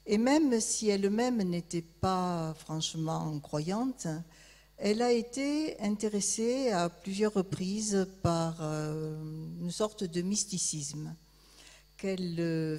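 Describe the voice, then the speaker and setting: A woman's voice: on the low side, dark tone. A female professor presenting a writer to an audience, speaking hesitantly with frequent fillers. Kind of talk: public lecture. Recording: long reverberant hall.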